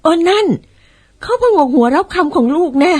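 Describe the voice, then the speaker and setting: A woman's voice: high voice, lively intonation, normal speed, darkish tone. A woman acting in an old-style radio drama as a fussy, easily startled mother who exclaims and wonders aloud. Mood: fussy, grumbling.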